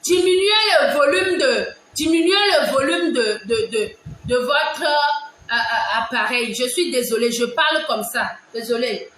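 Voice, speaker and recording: Loud, high-pitched Togolese woman, casual commentary, very echoey room. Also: unhurried, slight background noise. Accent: Togolese French. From Togo. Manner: loud, emphatic, repeats herself.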